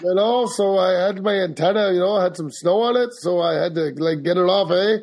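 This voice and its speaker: A man's voice: sits high, brisk, a little mellow. A man doing an exaggerated Canadian accent as a folksy, joking hoser who says "eh" and "bud". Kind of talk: comic bit on a podcast.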